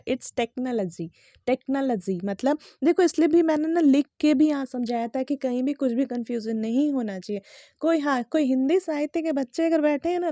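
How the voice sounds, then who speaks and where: A young woman who speaks Hindi natively, teaching English pronunciation in a patient way, saying each word slowly several times and spelling it letter by letter. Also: high voice, warm tone, no room sound. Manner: patient, repeats words slowly and spells them out. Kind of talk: explaining lesson to students.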